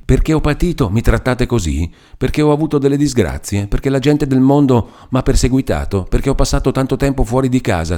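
A man's voice: deep voice, a little mellow, natural voice. A man voicing an impassioned young man. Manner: impassioned, reproachful. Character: passionate young man, hurt and stubborn.

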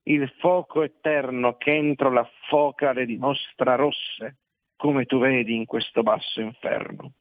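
Man reading as a calm, wise old guide. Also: medium pitch, unhurried, dry recording, natural voice. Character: wise stern male poet guide, older. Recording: tinny narrow-band dry recording.

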